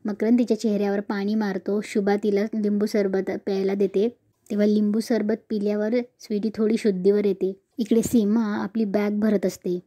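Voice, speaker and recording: A woman's voice: mid-range voice, little pitch movement, normal speed, warm tone. A woman narrating a recap of a television serial episode in a plain storytelling manner. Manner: plain retelling, repeated "then she says".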